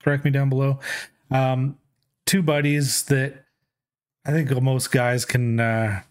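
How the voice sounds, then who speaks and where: A man's voice: medium pitch, level tone, slow, darkish tone. Male host, 30s, easygoing and upbeat, talking from a gaming chair, headset mic. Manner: upbeat, rambling, recommends films. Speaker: movie list host. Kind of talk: casual video commentary. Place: small room at a desk in a gaming chair.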